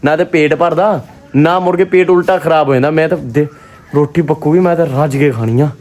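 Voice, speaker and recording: A man with a Pakistani Punjabi accent chatting casually to his vlog viewers, expressive and often repeating himself. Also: a little high, fairly quick. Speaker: vlogger.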